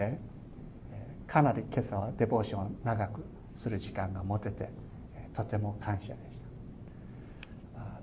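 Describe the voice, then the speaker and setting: A man preaching a sermon as a pastor, earnest and exhorting, his voice swelling on key words. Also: darkish tone. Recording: dull lo-fi sound with faint rumble.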